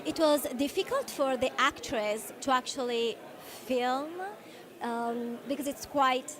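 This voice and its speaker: A woman's voice: high-pitched, slow. A woman working as a red carpet host, interviewing a guest at a film festival. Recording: crowd chatter behind, outdoor event. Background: crowd chatter.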